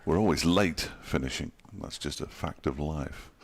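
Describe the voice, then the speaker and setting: A man giving dry, wry ball-by-ball cricket commentary in a relaxed, chatty way. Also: a bass voice, moderate pace. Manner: dry, wry and chatty, chuckles at his own jokes. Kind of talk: ball-by-ball radio-style commentary.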